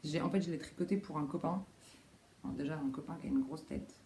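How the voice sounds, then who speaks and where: Speaking quickly in a low, warm voice, a woman shows off her knitting in a casual vlog chat. She rambles, uses plenty of fillers, and corrects herself along the way, recorded with a roomy echo and faint background noise.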